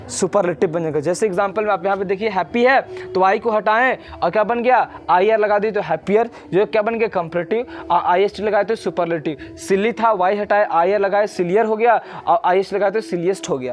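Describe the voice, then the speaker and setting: Male teacher, high-pitched, quizzes students with repeated questions while drilling a rule. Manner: drills by repetition. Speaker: grammar teacher. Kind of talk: classroom lecture.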